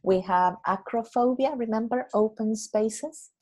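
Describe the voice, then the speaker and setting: A woman teaching an English class over a video call. She explains patiently, repeats words slowly and keeps checking with "yeah?". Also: on the high side, dark tone, rough recording. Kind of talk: online English lesson.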